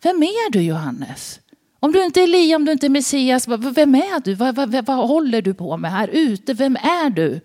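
A woman reads aloud as a group of insistent male priests demanding an answer. The questions come again and again, pressing and impatient, with the pitch leaping up sharply. It sounds like a sermon retelling. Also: big pitch swings, darkish tone, dry recording, studio quality.

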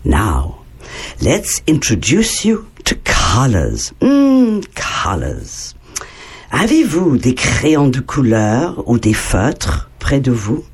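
Woman, children's language teacher; very slow, wildly lively pitch, slightly breathy tone. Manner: slow, sing-song, playful, heavily exaggerated intonation.

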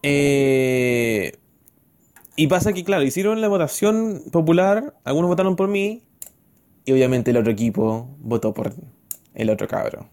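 Young Chilean guy, voice a bit high, chatty storyteller who acts out every quote. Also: measured pace. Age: young adult. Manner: animated, acts out quotes, slangy. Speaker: student storyteller. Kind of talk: casual storytelling.

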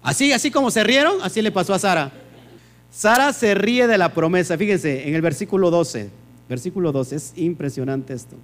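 Leading Torah study for a small group, a man with a high, slightly bright voice keeps posing questions to his listeners and answering them himself in a teacherly rhythm. He is expressive and speaks at a normal speed.

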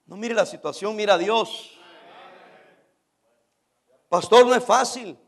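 A male pastor preaching an animated sermon, swinging from shouts down to near-whispers and acting out his church members' complaints. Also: sits high, takes it slowly, gravelly.

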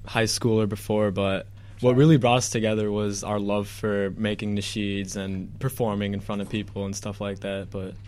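A man's voice: on the low side, little pitch movement, normal speed, a little mellow. A twenty-one-year-old man from the Chicago area, a student guest on a radio show, answering in an easygoing way with "like" and "I guess". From Chicago area, USA. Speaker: university student and a cappella singer, interview guest. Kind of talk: casual interview answers.

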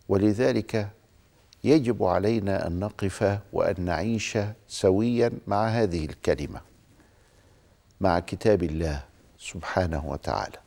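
A man hosting a religious programme, addressing viewers in formal Standard Arabic with deliberate, rhetorical phrasing. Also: low-pitched, creaky, warm tone.

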